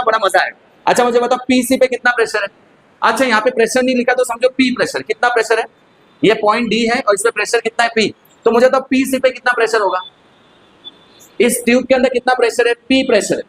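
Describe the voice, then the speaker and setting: A man's voice: extremely high pitch, fairly even intonation, fast talker, a bit bright, poor audio. A male physics teacher giving a classroom lecture, constantly asking the students questions and answering them himself, with English terms mixed into his explanation.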